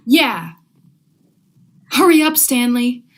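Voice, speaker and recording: A young woman, a student actor, plays an uneasy, grumbling male accomplice in the style of vintage radio drama, sounding urgent and slangy. Her high, sing-song voice moves slowly and is heavily acted.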